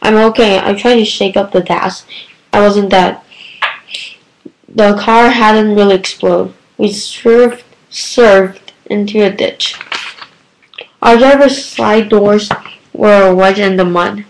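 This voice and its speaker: A woman reads a novel aloud in first person, in a middle-pitched voice. It is an unpolished amateur reading, full of small slips and restarts that she fixes as she goes. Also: steady tone, slow, long pauses, low-quality recording. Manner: stumbling, self-correcting amateur reading.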